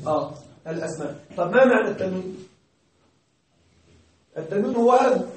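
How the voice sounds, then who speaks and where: A man teaching grammar to a class, his fairly high voice picked up from well back in a strongly echoing room. He keeps questioning the students and checks they are with him. He repeats the key words slowly. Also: lively intonation. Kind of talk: classroom lesson. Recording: very echoey room, distant mic.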